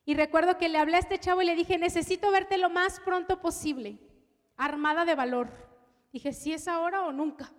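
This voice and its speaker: A woman preaching a personal testimony, telling her story with strong emotion and dropping to a hush at tender moments. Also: extremely high pitch, normal speed, big-room sound. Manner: emotional storytelling, shifts from loud to hushed. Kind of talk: testimony sermon.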